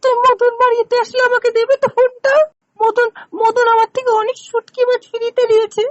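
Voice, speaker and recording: On a phone call recording, a prank caller plays a pestering, whiny village woman hunting her runaway lover, pleading and rambling insistently. The voice is very high and pushed up, a little fast and flat in delivery, with no echo.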